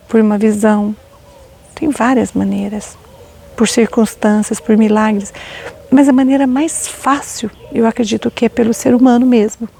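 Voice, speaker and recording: A middle-aged woman speaks as a spiritual teacher, addressing her listeners directly with heartfelt emotion. Her voice sits a little high, yet it has a dark, mellow color. A gravelly, breathy texture runs through her telling. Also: slight background noise. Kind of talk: personal storytelling to an audience.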